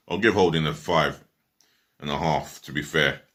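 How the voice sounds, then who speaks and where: A man with an extremely low but fairly bright voice gives a casual, rambling review of a football match. He is blunt, swears freely, and sometimes talks with his mouth full while eating.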